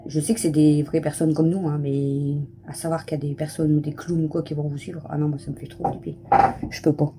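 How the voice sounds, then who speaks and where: Chatty woman in her thirties, low mellow voice. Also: little pitch movement, brisk, a little hiss or hum. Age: 30s. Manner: chatty, rambling with many fillers. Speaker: family vlogger. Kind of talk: casual chat to camera. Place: at home, just out of the shower.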